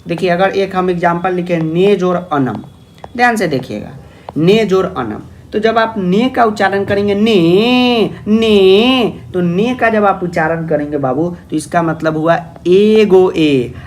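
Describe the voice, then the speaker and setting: Male tutor with a fairly high voice who explains patiently and coaxes his students along, voicing their questions himself. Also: moderate pace, slight background noise. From India. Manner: asks and answers imagined student questions himself; coaxing, calls listeners "babu". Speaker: teacher. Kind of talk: classroom-style grammar lesson.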